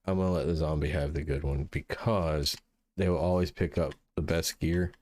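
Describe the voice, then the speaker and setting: A man hosting a gaming channel, musing through relaxed gameplay commentary and sounding sleepy. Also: a bass voice, normal speed, no echo. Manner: mellow, musing, thinks aloud with restarts. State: sleepy, yawning.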